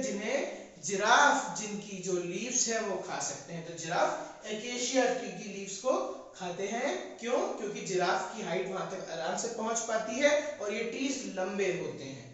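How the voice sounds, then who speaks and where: A woman's voice: mid-range voice, animated, moderate pace. A woman teacher with an Indian English accent, giving an online lesson to young children, spelling words out letter by letter and repeating them. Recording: echoey, distant, dull sound.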